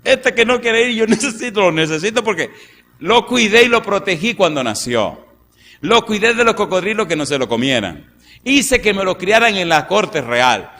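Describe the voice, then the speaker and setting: Give me a preacher putting on an indignant, scolding God, with a lively rising voice. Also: male voice, high-pitched, moderate pace, big-room sound, a little hiss or hum, voice pushed up, exaggerated voice. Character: exasperated God scolding an ungrateful servant.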